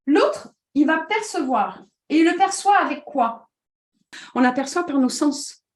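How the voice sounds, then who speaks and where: Slightly high-voiced woman explaining. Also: expressive, unhurried. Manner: checks in with listeners with repeated 'd'accord?'; hesitant restarts with frequent fillers. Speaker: communication trainer and speaker. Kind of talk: explanatory talk.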